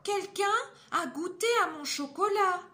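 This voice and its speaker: A woman's voice: very high voice, a little slow, sharp tone, a little hiss or hum, voice pushed up, exaggerated voice. A woman voicing a fussy mother bear in a read-aloud storybook, complaining in a raised, sing-song way. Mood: offended.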